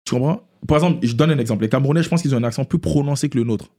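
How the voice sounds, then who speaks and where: A man from Ivory Coast with a French-sounding accent, a rapper guest explaining himself in an animated, emphatic casual conversation. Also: medium pitch, very fast.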